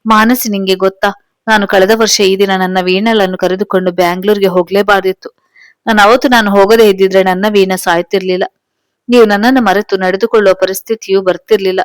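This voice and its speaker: A woman's voice: mid-range voice, fairly even intonation, brisk, no echo, close to an everyday voice. A woman voicing a grieving, remorseful young husband who blames himself, in a storybook reading. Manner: guilt-ridden, self-blaming.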